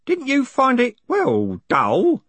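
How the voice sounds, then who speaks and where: Guy putting on a squeaky curious postman, eager, husky. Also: huge pitch swings, slow, fairly bright tone, dry recording, exaggerated voice. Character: curious old-hand male postman.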